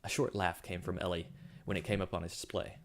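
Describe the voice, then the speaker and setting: Low-voiced man reading his own sci-fi story. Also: level tone, brisk, slight background noise. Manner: reads aloud with slips and self-corrections. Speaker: reader of his own science fiction. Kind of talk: story narration.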